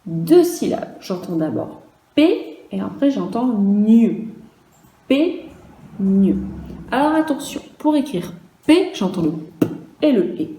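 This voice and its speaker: A woman teacher leads a dictation lesson for small children at a slow, patient pace. She spells words letter by letter and repeats each word. Her voice is very dark and mellow, and it sounds roomy and echoey. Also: a little high, very animated, a little hiss or hum. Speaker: primary school teacher.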